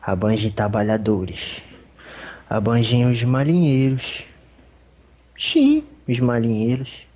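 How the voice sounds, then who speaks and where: A medium voicing an old male spirit elder with a Brazilian accent, speaking in a husky, folksy, rambling way during a religious consultation. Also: medium pitch, lively intonation, slow, pauses often, mellow. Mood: fatherly. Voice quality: husky, rambling, folksy speech with fond asides.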